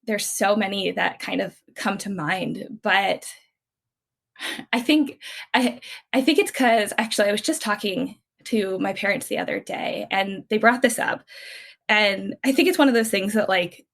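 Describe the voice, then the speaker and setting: This thirties-aged Californian woman is a podcast guest swapping family stories. Her voice is medium in pitch, a little slow, gravelly and slightly bright. She chats and rambles, restarting often, using lots of fillers and laughing easily in casual storytelling.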